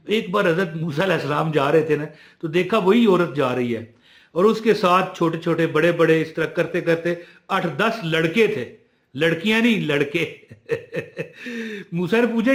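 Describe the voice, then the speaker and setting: A man telling a religious story, animated, moving between loud emphasis and quiet asides. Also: a little high, reverberant.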